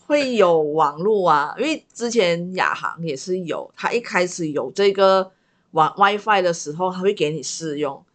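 A woman's voice: on the low side, animated, normal speed. A woman co-hosting a casual podcast chat, asking questions and often chiming in with short interjections. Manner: frequent short backchannels and interjections. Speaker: podcast co-host.

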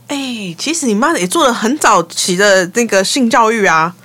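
A woman's voice: a little high, normal speed. A woman with a Taiwanese Mandarin accent, co-hosting a podcast and telling stories playfully in casual chat. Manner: lively, playful storyteller. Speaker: podcast co-host.

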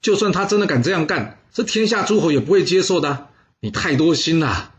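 A man's voice: a little high, expressive, brisk, dull audio, voice pushed up, close to an everyday voice. A man voicing a gullible, self-assured king in a storytelling recording, talking in a leisurely, indulgent way. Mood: self-satisfied.

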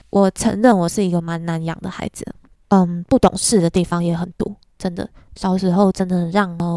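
A woman's voice: on the low side, dark tone, no echo, clean studio sound. A young woman with a Taiwanese Mandarin accent hosting a podcast, telling stories in a chatty, laughing way. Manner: chatty storytelling, frequent self-mocking laughs. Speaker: podcast host. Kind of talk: casual monologue.

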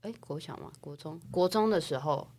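A woman's voice: low-pitched, a little fast. Young Taiwanese woman telling stories. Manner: chatty, animated storytelling with rising excitement. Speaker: podcast co-host. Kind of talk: casual chat.

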